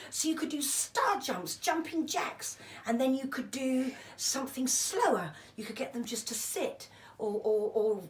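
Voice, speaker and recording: A woman giving an informal mindfulness lesson, chatting in an encouraging, self-deprecating way as she explains and demonstrates. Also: fairly high pitch. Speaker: mindfulness and breathing teacher. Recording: roomy echo, distant microphone.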